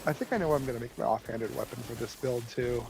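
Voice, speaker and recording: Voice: mid-range voice, fast, vocal fry, background noise. A gaming partner chatting casually, thinking aloud about loot and character builds.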